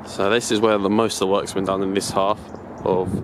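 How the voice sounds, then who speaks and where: A man's voice: low-pitched, brisk. Rambling man filming his allotment outdoors. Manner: rambling, chatty, self-correcting. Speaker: allotment vlogger. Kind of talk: casual walking tour narration. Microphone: handheld camera mic, filming from own view. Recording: outdoor camera audio with steady background noise.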